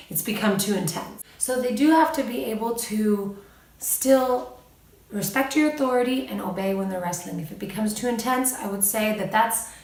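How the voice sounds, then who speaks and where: A woman's voice: medium pitch, vocal fry, far from the mic. A young woman and mom, giving parenting advice in a casual vlog, chatty, laughing often and livening up when she quotes her kids. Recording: echoey room, voice off-mic.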